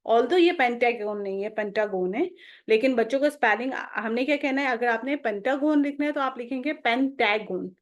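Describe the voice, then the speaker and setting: A slightly high-voiced young woman gives a home-schooling phonics lesson. She breaks each word into single letter sounds, drawing them out slowly. She pauses often to ask whether it is clear. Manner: often checks with "okay?". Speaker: phonics teacher.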